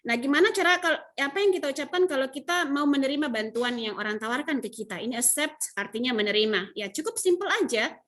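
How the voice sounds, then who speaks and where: A woman from Indonesia teaching English in an online class, explaining in Indonesian and modelling English phrases with lively intonation. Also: high-pitched, fast, hardly any pauses. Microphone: video call.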